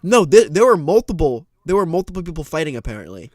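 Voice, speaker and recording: A man's voice: on the high side, big pitch swings, fast talker, darkish tone, dry recording, studio quality. A young man co-hosting a casual podcast, rambling, laughing often and trailing off mid-sentence. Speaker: podcast co-host.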